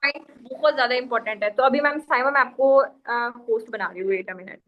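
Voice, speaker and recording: A woman's voice: high voice, brisk. A woman hosting an online training call, directly urging her listeners to pay attention. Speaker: meeting host. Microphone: video call. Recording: dull lo-fi video call audio.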